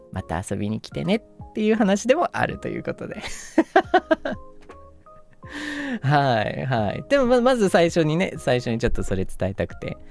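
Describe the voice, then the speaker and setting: A man's voice: on the low side, vocal fry, darkish tone. A man with a Kansai accent streaming casual chat to fans, rambling, gushing thanks and laughing often. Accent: Kansai Japanese. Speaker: virtual streamer.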